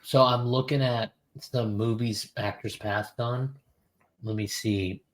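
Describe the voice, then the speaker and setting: A man's voice: medium pitch, fairly even intonation, slow. A man co-hosting a casual podcast, talking in a laid-back, blunt way with casual swearing. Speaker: podcast co-host. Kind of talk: casual chat.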